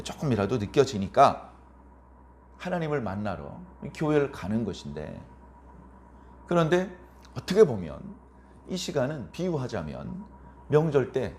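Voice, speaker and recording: A man's voice: on the low side, a little mellow, slight background noise. A man preaching a Sunday sermon as pastor, speaking conversationally, asking rhetorical questions and acting out quoted elderly parents.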